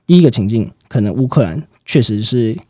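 A man lays out market analysis at a brisk clip, his voice dark and a little husky. He explains step by step, with frequent fillers and trailing particles. The sound is dry and close to the mic. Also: medium pitch, animated, no echo. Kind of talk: financial commentary chat.

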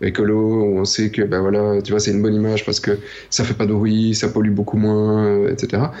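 A man's voice: lowish voice, completely flat delivery, fairly quick, darkish tone. Rambling thirties man, dull lo-fi sound. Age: 30s. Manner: rambling, jokey, swears casually. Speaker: podcast co-host. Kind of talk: casual tech chat.

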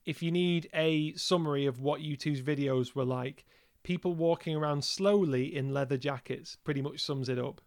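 A man's voice: fairly high pitch, normal speed, hardly any pauses. A man co-hosting a podcast in casual chat, dry and sardonic, bluntly critical. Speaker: podcast co-host.

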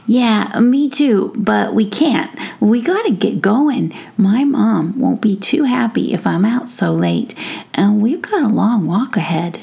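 A woman's voice: mid-range voice, animated, takes it slowly, vocal fry, warm tone, husky, full character voice. A woman voicing a shy, helpful young gnome boy in a bedtime story, speaking hesitantly. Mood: bashful. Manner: hesitant, bashful speech.

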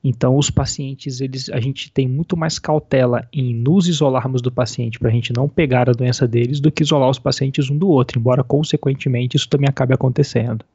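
Give me a gravelly man in his thirties on a phone line. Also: medium pitch, steady tone, fairly quick, hardly any pauses, warm tone, no room sound. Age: 30s. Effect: heard over a phone line. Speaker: ICU doctor interviewed by phone. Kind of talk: phone interview. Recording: dull, muffled phone call audio.

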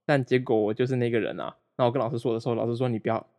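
A young Malaysian man joins a remote call as a guest and former roommate, chatting casually in a rambling way, restarting often and poking fun at himself. His medium-pitched voice is steady and darkish, and he talks at a racing speed.

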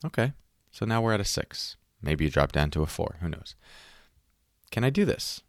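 A man speaking as a coach in a calm, conversational guided self-help style, reflective and gently inviting, often posing questions to the listener. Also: a bass voice, a little fast, creaky, dry recording, studio quality. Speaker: relaxation and productivity coach.

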